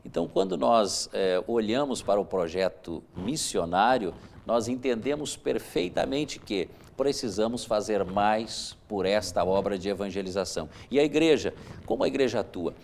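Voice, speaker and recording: A man's voice: lowish voice, expressive, moderate pace, vocal fry, hardly any pauses, darkish tone. A pastor, explaining his church's mission work earnestly, as a guest on a televised church interview. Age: 40s.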